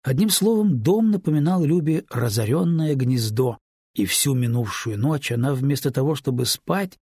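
Husky male audiobook narrator, dry sound. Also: mid-range voice, dry recording. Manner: steady, measured storytelling. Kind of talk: scripted narration. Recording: dry close studio read.

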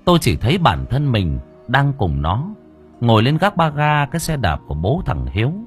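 A man narrating a horror story in an audiobook with expressive, dramatic delivery. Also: medium pitch, normal speed, faint music behind.

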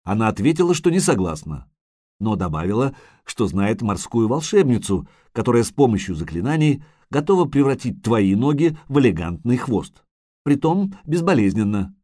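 A man narrating a fantasy story as an audiobook in an expressive storytelling manner. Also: mid-range voice, normal speed, no echo, clean studio sound.

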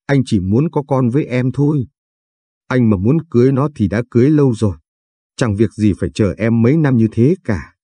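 A man's voice: mid-range voice, expressive, fairly quick, dark tone, husky, no room sound. A man reading the part of a brash young husband who swears and bullies. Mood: contemptuous. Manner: coarse, swearing and bullying.

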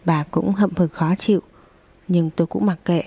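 A woman's voice: on the low side, fairly even intonation, normal speed, mellow, breathy edge. A young adult woman narrating a first-person story and voicing every character herself.

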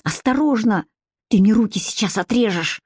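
A woman's voice: fairly high pitch, expressive, moderate pace, a little mellow, slightly rough, no room sound, clean studio sound. A woman voicing a sly, selfish young man who hisses and grumbles in whispers, in an audiobook. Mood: irritable. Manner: hissing, grumbling.

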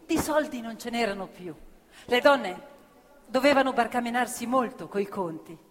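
On a theatre stage, an actress narrates a story in an earnest, measured way, her voice on the high side and expressive. Live violin and piano accompany her, and the live recording carries long reverb.

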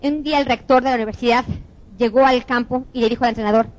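An earnest woman gives a motivational talk to a live audience. Her voice sits a little high for a woman. She tells her stories with feeling. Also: fairly even intonation, quick pace, low-quality recording. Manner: earnest, tells stories acting out the people in them. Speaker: motivational speaker.

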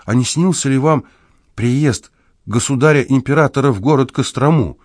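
A man's voice: medium pitch, moderate pace, dry recording, clean studio sound, pitched above the performer's own voice, close to an everyday voice. A man voicing a fussy, fearful old man who whines and frets. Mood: eager. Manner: whining, plaintive, agitated.

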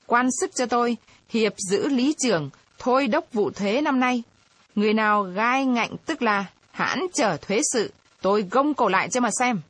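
A woman's voice: a little high, animated, normal speed, fairly bright tone, no room sound, pitched above the performer's own voice. A woman reading aloud, voicing an arrogant, drunk male village council head who talks in a domineering way. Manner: bossy, domineering.

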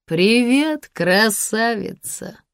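This woman reads the same audiobook role of a boastful, ruined drunk, her mid-range voice pushed up and exaggerated, very slow and creaky. The studio-quality recording is dry, and her delivery is loud, theatrical, slurred, drunk and mocking.

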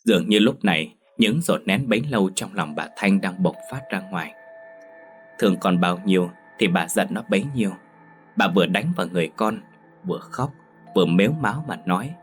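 A man narrating a ghost story in a slow, emotive scripted reading. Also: low-pitched, lively intonation. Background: faint music.

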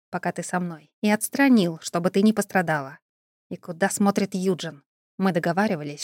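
A woman reading an audiobook voices a jailed scheming man who talks in a low, hushed murmur. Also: no room sound, clean studio sound, close to an everyday voice.

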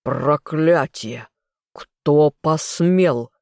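A reader voicing a stern older king and father who speaks slowly and gravely, in an audiobook. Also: medium pitch, level tone, warm tone, no echo, clean studio sound, natural voice. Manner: slow, grave, commanding. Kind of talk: audiobook character voice.

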